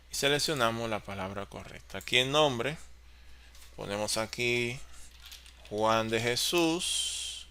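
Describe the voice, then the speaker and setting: A man teaching an online class on office software, explaining step by step and answering his own questions. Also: medium pitch, clean tone. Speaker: course facilitator.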